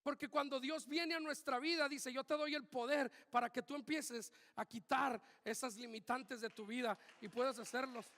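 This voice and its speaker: A man preaching a sermon as pastor, swinging between loud urgent calls and quiet asides. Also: extremely high pitch, moderate pace, few pauses, some chatter behind. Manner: animated preaching, shifts from shouting to quiet asides. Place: church hall. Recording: long hall reverb.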